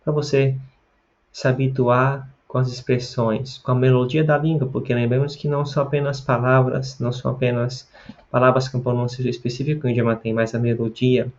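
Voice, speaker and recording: A language-learning video host from Pará speaks with a northern Brazilian Portuguese accent in a medium-pitched, darkish voice, flat and a little fast. His casual lesson to camera rambles and repeats words for emphasis, on slightly dull, lo-fi audio.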